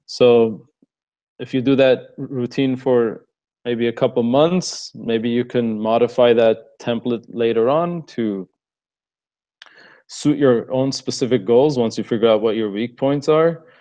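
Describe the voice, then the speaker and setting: Speaking at a medium pitch, this young man from Los Angeles answers questions as a fitness coach in a loose, casual live Q&A. He has an Armenian-American accent, stays relaxed, rambles, and laughs a lot, all over muffled, lo-fi stream audio.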